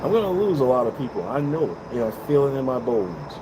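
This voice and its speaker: A man's voice: medium pitch, big pitch swings, fast, background noise. A man in his fifties giving rambling, earnest life advice in a casual monologue, swearing freely and repeating himself. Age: 50s. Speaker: vlogger. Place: balcony, outdoors.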